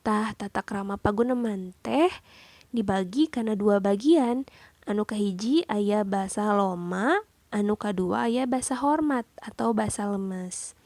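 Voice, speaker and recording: Slow, deliberate woman teacher. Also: medium pitch, a little mellow, no room sound. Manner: explains each point then repeats it in a second language. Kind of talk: classroom lesson explanation.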